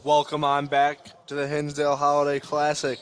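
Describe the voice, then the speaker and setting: Calling a live high school basketball game for radio in short, clipped bursts, this male announcer sounds completely flat at a moderate pace. His fairly high voice is clear and resonant, a touch bright. Around him, the indoor gym is noisy with game sounds and bouncing balls.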